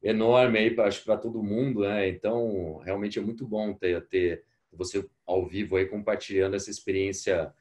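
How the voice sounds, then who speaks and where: A man's voice: on the low side, fairly even intonation, moderate pace, hardly any pauses, darkish tone. Chatty Brazilian man hosting a live webinar. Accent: Brazilian Portuguese. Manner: chatty, reads out audience messages. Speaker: host of an online masterclass.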